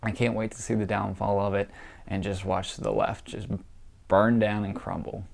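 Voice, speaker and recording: His voice is lowish, creaky and darkish, with a level tone at a normal speed. The young man, stuffy-nosed and nasal from allergies, offers scornful, opinionated political commentary in a casual style packed with fillers.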